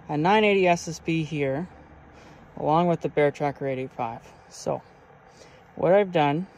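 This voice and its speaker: A man vlogger casually explains and shows off his vehicle radio setup, starting outdoors by a truck and then moving inside it. His voice is on the high side and a little mellow, with clear background noise and vehicle ambience.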